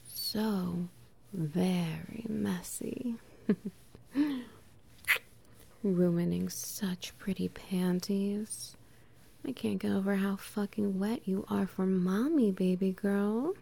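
Slow, husky whispering woman. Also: medium pitch, steady tone. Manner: soft, teasing, slow whispering with quiet laughs. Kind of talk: whispered intimate audio roleplay.

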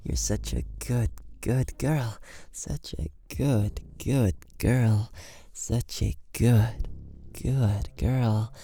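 A man in an ASMR boyfriend roleplay, talking close to the mic with soft, doting, repetitive praise that often drops to a whisper. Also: mid-range voice, drawn-out words, slight background noise.

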